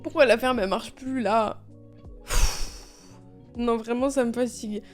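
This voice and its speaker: High-voiced young woman ranting. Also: a little slow, faint music behind. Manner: animated, swearing, laughing often, exasperated. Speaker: streamer. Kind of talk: casual storytelling while gaming.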